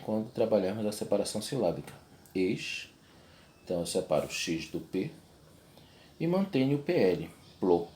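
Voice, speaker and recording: A man's voice: lowish voice, a little mellow, a little hiss or hum. A young adult man teaching a video lesson, explaining step by step and checking in with his class.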